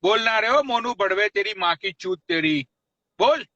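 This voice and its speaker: A man's voice: high-pitched, expressive, moderate pace, pushed and bright, no room sound, highs cut off. A man ranting aggressively on a live stream, taunting and cursing nonstop into his phone. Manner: aggressive, constant profanity, taunting. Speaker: livestreamer. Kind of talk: abusive rant on a live stream.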